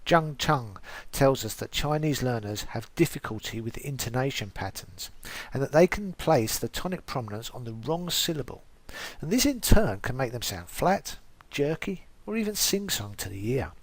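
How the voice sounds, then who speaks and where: A man, an English teacher, reading a prepared explanation as scripted narration in a careful, even way. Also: mid-range voice, moderate pace, few pauses, dry recording.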